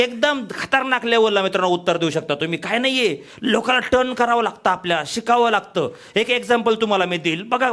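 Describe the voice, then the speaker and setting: A man giving a motivational sales training talk, energetic and full of rhetorical questions to his audience. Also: sits high. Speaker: business trainer.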